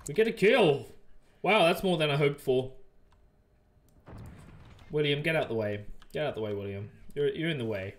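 A man doing live gameplay commentary as a streamer, chatty and excitable, swearing often. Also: on the high side, normal speed, pauses often. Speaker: game streamer.

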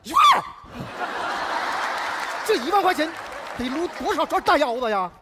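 An actor playing an excitable, stammering friend in a sitcom. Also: male voice, very high voice, normal speed, a loud crowd. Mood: excited. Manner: shouty, stammering comic delivery. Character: excitable lottery-obsessed friend. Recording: loud studio audience laughter and noise.

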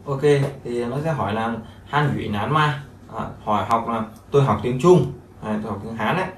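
A man's voice: medium pitch, normal speed. Guy teaching a lesson, lots of "uh"s, echoey room with light hiss. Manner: repetitive, explanatory, many fillers. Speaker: Chinese language teacher. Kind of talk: explaining a textbook lesson. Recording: echoey room, mic at a distance, faint noise.

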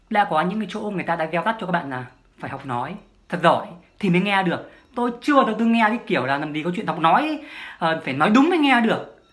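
A woman talks quickly through a solo advice vlog on language learning. She lectures emphatically, hammering her points home by repeating whole phrases, and her voice sits fairly low. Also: a bit bright. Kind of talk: solo advice monologue to camera.

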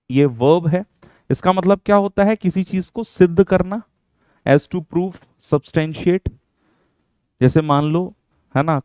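A man's voice: fairly high pitch, a little mellow, clear, resonant tone, no echo. A man with an Indian accent teaching English vocabulary in an online lesson, mixing English into Hindi and asking his students rhetorical questions. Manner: chatty and encouraging, mixes English words into Hindi, asks rhetorical questions.

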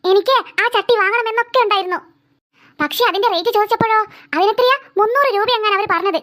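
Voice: very high voice, quick pace, pushed and bright. A voice actor playing a stern mother in a cartoon who scolds her daughter and refuses to buy anything on a trip. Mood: complaining. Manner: scolding, nagging. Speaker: cartoon character. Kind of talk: cartoon voice acting.

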